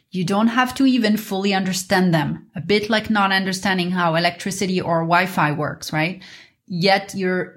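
A woman podcast host teaching in an earnest, instructive spiritual guru manner, in a motivational monologue. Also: fairly low pitch.

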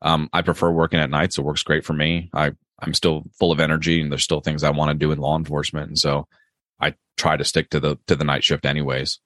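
A young man from Maryland, a police officer and podcast guest, talking casually with many pauses and restarts. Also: very deep voice, flat delivery, fairly bright tone, dry recording, studio quality. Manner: hesitant, many ums and restarts. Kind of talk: casual interview chat.

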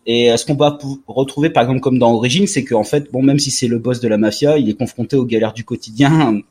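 A man in his forties co-hosting a casual chat, relaxed and talkative with many fillers. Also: mid-range voice, fast talker, slightly rough. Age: 40s. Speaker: podcast co-host. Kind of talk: casual chat about manga.

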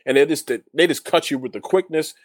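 A man's voice: a little high, brisk, no room sound, clean studio sound. A man, a guest in a casual interview, telling his story in a rambling way with many restarts. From Canada. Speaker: guest, former overseas basketball player.

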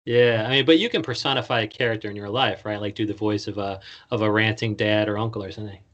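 A man's voice: lowish voice, fairly even intonation, fast talker, fairly bright tone, highs cut off. A man hosting a casual interview podcast, talking in slangy, swear-filled, run-on questions. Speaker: podcast host.

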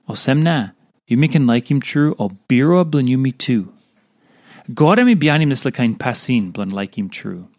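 A man with a Papua New Guinean accent reads a devotional aloud. His pitch rises and falls in a very animated way as he works through the scripted message. The recording is dry, with hardly any room sound. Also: no echo. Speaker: devotional reader.

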